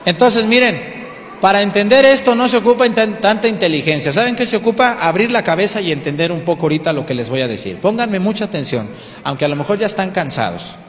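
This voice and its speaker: A man's voice: high-pitched, expressive, fast, fairly bright tone, long reverb tail, a little hiss or hum. A man preaching a colloquial sermon to a congregation, explaining and asking them questions.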